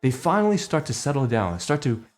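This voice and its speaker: This vlogger, a Cantonese-first-language man in his late twenties, fires off a profane, heated rant from home, peppering it with rhetorical tags like "okay?" and "all right?". His mid-range voice swings widely in pitch and moves a little fast, with faint music behind him.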